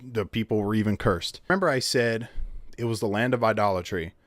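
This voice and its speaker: A man's voice: on the low side, fairly quick, no echo. A man explaining a Bible story in a casual spoken way, thinking aloud with rhetorical questions and frequent restarts. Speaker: solo video creator explaining a Bible story.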